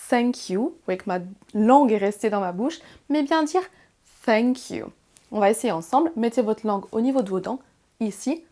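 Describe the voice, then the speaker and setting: A young French woman teaching a beginner English lesson, who slows down and spells out each English phrase with careful, deliberate pronunciation. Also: on the high side, mellow.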